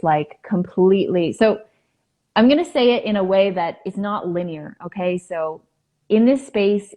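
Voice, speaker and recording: A woman guest on a podcast, telling a personal story in an earnest, halting way with many fillers. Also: on the low side, a little mellow.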